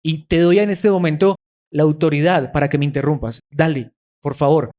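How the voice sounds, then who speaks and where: Emphatic preaching man, a bit high. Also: a little fast, darkish tone. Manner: emphatic, asks the congregation rhetorical questions; repeats words for stress, addresses listeners as brothers. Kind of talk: sermon.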